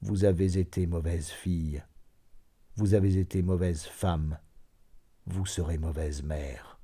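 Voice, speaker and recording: A man reading an audiobook, voicing a dying, bitter old nobleman with a raspy voice who speaks slowly and coldly. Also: on the low side, fairly even intonation, warm tone. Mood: icy. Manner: cold, slow, icily accusing.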